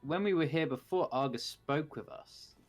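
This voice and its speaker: A man's voice: fairly high pitch, normal speed, faint music behind. A man talking bluntly and casually as a player in a tabletop game.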